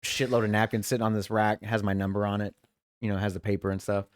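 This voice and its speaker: A man's voice: fairly low pitch, little pitch movement, quick pace, no room sound. A man co-hosting a podcast, telling long rambling stories about his work week in casual chat and quoting coworkers. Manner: rambling storyteller, mimics coworkers in quotes. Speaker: podcast co-host.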